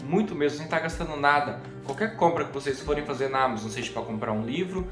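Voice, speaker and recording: A man's voice: on the high side, fast. A young man with a Brazilian accent chatting casually as a book vlogger, informal and repeating phrases for emphasis. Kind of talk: casual chat to camera. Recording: echoey room with faint music.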